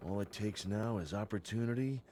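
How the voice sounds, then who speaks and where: An actor playing a wry action hero in a video game, thinking aloud. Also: male voice, on the low side, brisk, warm tone, close to an everyday voice. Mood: determined. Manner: wry, self-narrating.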